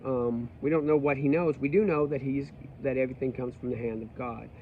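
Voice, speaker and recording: A man's voice: medium pitch, fairly even intonation, fairly quick. A man teaching an informal Bible study, reading scripture aloud and explaining it in loose, restarting speech. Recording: dull lo-fi sound with faint background noise.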